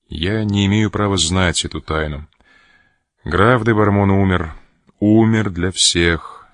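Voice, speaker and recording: A proud, wounded buccaneer, voiced by a man reading an audiobook, speaking with measured, bitter reproach. The voice sits deep and low. The recording is dry and close, with no room sound. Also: fairly bright tone, no room sound, heavily acted. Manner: stern, measured, cold reproach.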